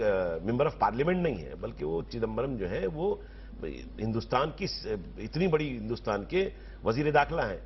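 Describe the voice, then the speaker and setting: A man arguing as a political panelist in a televised debate, speaking forcefully in long rhetorical sentences. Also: mid-range voice, slight background noise. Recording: slightly dull TV broadcast audio.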